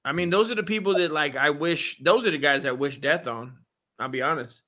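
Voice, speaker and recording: A man with a slightly high voice co-hosts a casual podcast. He rambles and swears, restarting his sentences again and again. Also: a little fast, bright, forceful tone. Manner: rambling, profane, restarts often. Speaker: podcast co-host.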